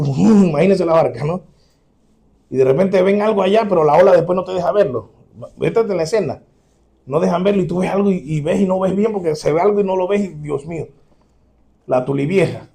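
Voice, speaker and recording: Man preaching, gravelly voice, mellow tone, lively delivery. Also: high voice. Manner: animated preaching, dramatic re-enactment, chuckles. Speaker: pastor. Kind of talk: sermon.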